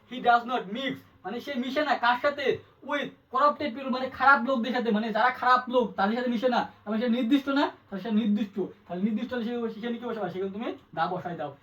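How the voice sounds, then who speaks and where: A man teaching an exam-prep grammar lesson, quick and repetitive, asking his students questions again and again. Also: very high voice, fairly bright tone, recorded from a distance, highs cut off. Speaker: English tutor.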